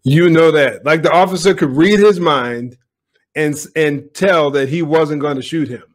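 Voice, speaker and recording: A man's voice: fairly high pitch, moderate pace. A man giving opinionated commentary on a police video, speaking bluntly and directly to his viewers.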